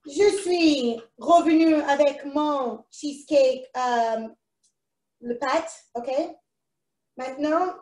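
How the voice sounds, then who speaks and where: A woman's voice: sits high, darkish tone, reverberant, far from the mic. A woman with a foreign accent in French presents a live cooking demonstration from a kitchen, chatting to herself as she works. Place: kitchen, indoors.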